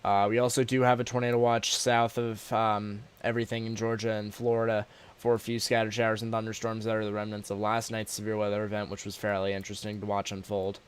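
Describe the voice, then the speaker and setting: Male weather streamer, low clear voice, nursing a sore throat; informal, halting, off the cuff. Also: completely flat delivery. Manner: informal, halting, addressing viewers as y'all. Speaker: weather livestream host. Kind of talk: live weather commentary, casual and unscripted.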